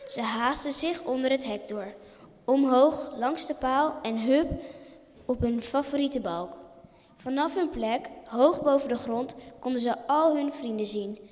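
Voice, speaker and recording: A woman reads a children's storybook aloud, gentle and steady. Her voice sits a little high. A long reverb trails behind her words. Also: unhurried. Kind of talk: reading a children's picture book aloud.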